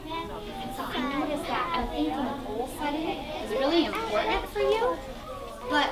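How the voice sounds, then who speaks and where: High, animated woman teaching young children. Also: over a noisy crowd. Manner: animated, simple child-directed instruction with slow drawn-out emphasis. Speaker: kindergarten teacher. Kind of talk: teaching young children, reading workshop lesson. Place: classroom. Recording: echoey classroom, distant mic, clear noise.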